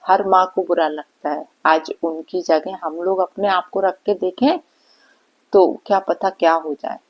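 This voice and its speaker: A woman's voice: on the low side, steady tone, a little slow, muffled recording. A woman vlogger giving a reaction commentary, scolding and indignant, firing off rhetorical questions. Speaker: vlogger reacting to online drama.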